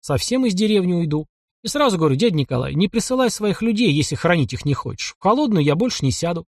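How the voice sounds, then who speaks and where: A man's voice: high-pitched, big pitch swings, fast, a little mellow, no echo, studio quality, voice pushed up, heavily acted. A man voicing a cocky young taiga hunter. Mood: scheming. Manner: mocking, cocky and cunning. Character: young bold taiga hunter, sly and defiant.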